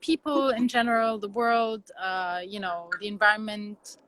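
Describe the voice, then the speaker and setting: A woman from Lebanon, a guest designer, speaking in casual interview chat, thoughtful and halting with many restarts. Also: medium pitch, steady tone, fairly bright tone, no room sound, rough recording.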